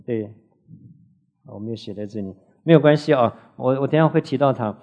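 A man's voice: mid-range voice, fairly quick, dark tone, dull audio. A man lecturing a Bible class in an earnest teaching manner, often adding filler particles and asking the students questions.

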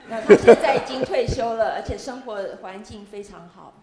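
Higher-voiced woman interpreting a sermon. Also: over a noisy crowd. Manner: quick chunks with frequent fillers. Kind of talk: consecutive interpreting at a church talk.

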